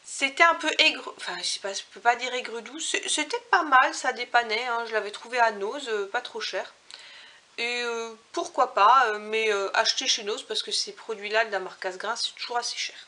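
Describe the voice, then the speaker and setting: A young woman from Alsace, France, chats casually to the camera as a vlogger reviewing finished food products, reading out ingredient lists with plenty of fillers and self-corrections. Her voice is a little high with a sharp tone, and she keeps a moderate pace.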